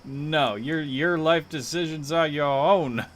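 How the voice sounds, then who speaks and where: A man streaming a video game chats casually and thinks aloud in a playful way. His voice is a little high and slow, with slight background noise.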